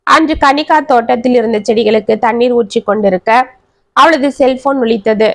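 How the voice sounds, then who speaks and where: A woman narrating a family story in a steady storytelling manner. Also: fairly high pitch, moderate pace, dry recording.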